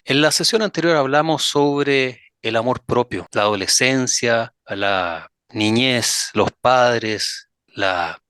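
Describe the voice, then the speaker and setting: A man's voice: mid-range voice, slow, a bit bright, clean tone, dry recording, studio quality. A man hosting a casual interview, friendly and reflective, thinking aloud as he talks. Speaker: host.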